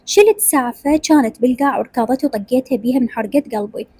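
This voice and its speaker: A woman's voice: high voice, fast talker, a little mellow, slightly rough, dry recording. A woman with an Iraqi accent narrating a rural family drama in the first person, acting out each character. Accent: Iraqi Arabic. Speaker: storyteller.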